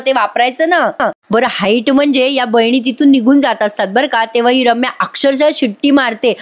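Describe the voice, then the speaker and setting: A woman with a sore throat, recapping a TV serial episode and acting out the characters' lines with drama. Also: a little high. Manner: retells scenes dramatically, voicing each character. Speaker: TV serial reviewer. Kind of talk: voice-over episode recap with acted quotes.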